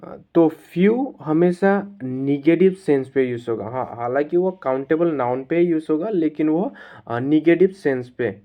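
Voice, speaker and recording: Man explaining grammar. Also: fairly high pitch. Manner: explains step by step, repeats rules, many "uh" pauses. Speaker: English grammar teacher. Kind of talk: classroom-style lesson explanation. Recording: slightly dull lo-fi recording.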